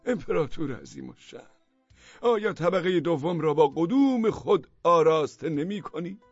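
A sly old man raising his voice high in exaggerated courtly flattery, as a male narrator puts him on. The reading is close and dry, slightly dull, with faint music underneath. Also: slightly rough, no room sound. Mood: flattering. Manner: courtly, mock-formal flattery. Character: shrewd old man, calm and wily.

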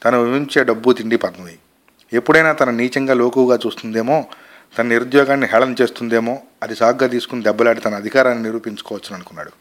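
A man reading a short story aloud in a measured, expressive storytelling manner. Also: medium pitch.

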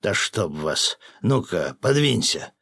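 A man voicing a stubborn, loud male fisherman in an audiobook, whining and shouting his protests. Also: low voice, sing-song, slow pace, creaky, breathy edge, no echo, clean studio sound, full character voice. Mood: indignant. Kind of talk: audiobook character voice.

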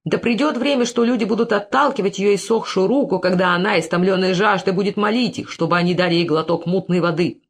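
A reader voicing a scheming, flattering Phoenician moneylender in an audiobook, oily and wheedling in manner. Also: mid-range voice, fairly quick, natural voice. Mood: cursing. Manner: oily flattery turning to angry cursing. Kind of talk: audiobook character reading.

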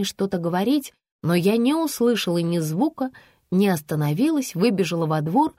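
A woman narrates a first-person novel in a brisk, expressive way. Her voice is lively and moves freely up and down, at a mid pitch. The recording is dry and close, with no room sound. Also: no echo. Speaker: audiobook narrator.

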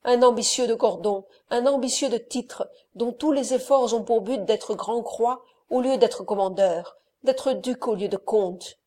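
A woman reading the part of a young wronged countess in an audiobook, with a firm, measured voice. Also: fairly high pitch, mellow.

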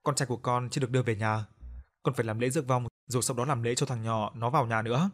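A man voicing a calm, gentle young Buddhist monk in an audio story. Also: mid-range voice, quick pace, close to an everyday voice. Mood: grave. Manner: gentle, soft-spoken.

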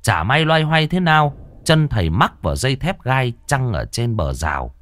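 A man's voice: medium pitch, sing-song, normal speed, fairly bright tone, no room sound, studio quality. A man narrating a horror story vividly.

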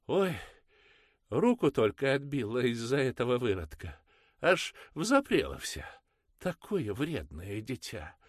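A man doing a shrill furious peasant mother. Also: very animated, unhurried, no echo, clean studio sound. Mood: ranting. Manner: screeching, ranting. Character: shrill angry peasant mother, harsh and pious.

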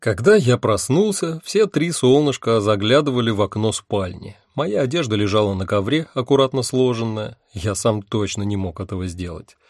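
A man narrating a fantasy audiobook in first person, calm and wry, dropping low on speech tags. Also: moderate pace, hardly any pauses, no room sound, clean studio sound.

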